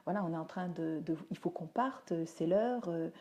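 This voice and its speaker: A woman's voice: on the low side, moderate pace, dark tone. A woman giving a chatty, down-to-earth live talk, answering viewers' comments as she goes. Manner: chatty and down-to-earth, with frequent fillers. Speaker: teacher and parenting speaker. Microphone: phone or webcam for a livestream.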